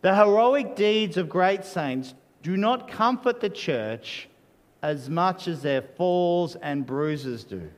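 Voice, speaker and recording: A man's voice: sits high, expressive, slow, long reverb tail. A man preaching a sermon as pastor, conversational and full of "you know" asides.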